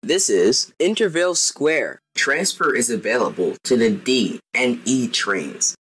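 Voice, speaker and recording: Lively, slightly husky male subway announcer. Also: mid-range voice, measured pace, low-quality recording. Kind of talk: scripted station announcements.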